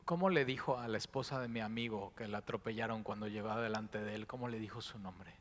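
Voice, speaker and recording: Impassioned pastor, bright voice. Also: male voice, on the low side, quick pace, slight background noise. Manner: swings between hushed and loud impassioned preaching. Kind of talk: sermon. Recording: long hall reverb.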